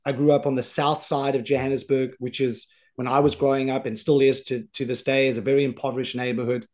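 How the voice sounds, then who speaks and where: A South African-accented man hosting a podcast, candid and thoughtful in conversation. His tone is mellow and warm. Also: medium pitch, little pitch movement, fast talker. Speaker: podcast host.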